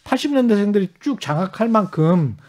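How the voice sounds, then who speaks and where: A man's voice: high voice, lively intonation, fairly quick, a little mellow. A man hosting a radio talk show, prompting his guests and echoing their points in a studio. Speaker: radio host.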